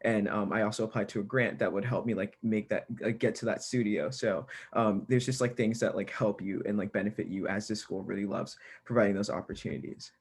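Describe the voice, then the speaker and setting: A young man with a somewhat low voice speaks in a hesitant, halting way, leaning on fillers as he adds to the discussion. He sounds like a student on a video call panel. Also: fairly even intonation, husky. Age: young adult. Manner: hesitant, many "um" and "like". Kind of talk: casual panel talk.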